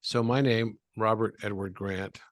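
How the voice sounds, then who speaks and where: Calm explaining man, dry close sound. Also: lowish voice, a little slow, no room sound. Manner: calm, explanatory, steps through examples. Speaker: interview guest. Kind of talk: explaining in an interview.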